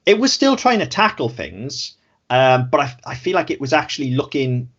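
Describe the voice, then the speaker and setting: A man's voice: mid-range voice, very animated, normal speed, a bit bright, slightly rough. A man in his thirties co-hosting a podcast in casual chat, blunt and sweary, rambling with frequent restarts. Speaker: podcast co-host. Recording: dull lo-fi audio.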